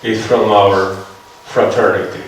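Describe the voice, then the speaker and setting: A Venezuelan man with a Venezuelan Spanish accent gives a seminar lecture in English with audience questions, speaking conversationally and often asking "right?" to make sure listeners follow. His voice is fairly low, fairly even, a little slow, and has vocal fry. The recording, made in a lecture hall, is echoey with a distant mic and faint noise.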